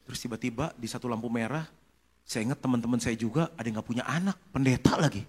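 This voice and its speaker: A man's voice: medium pitch, fast talker, a little mellow, breathy edge. A middle-aged male pastor, telling a funny testimony in his sermon and acting out each person's lines. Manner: comic storytelling, acts out dialogue.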